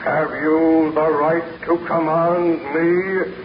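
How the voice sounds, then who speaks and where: A man's voice: on the high side, little pitch movement, crowd noise. An actor playing a menacing, brooding man-made monster in an old radio drama, speaking in solemn, archaic phrases. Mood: threatening. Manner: slow, solemn, archaic formal speech. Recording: noisy, echoey, dull old radio recording.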